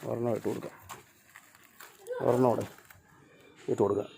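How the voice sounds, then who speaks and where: A vlogger talking casually to dogs and cats while feeding them, coaxing, scolding and calling out loudly in homely colloquial speech. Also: medium pitch, little pitch movement, a little fast, vocal fry, slight background noise. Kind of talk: casual talk to animals.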